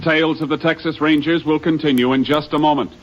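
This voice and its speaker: A man with a high voice announces a vintage radio show. He speaks formally over loud music. The old recording sounds dull. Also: steady tone, fast talker. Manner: formal, declamatory.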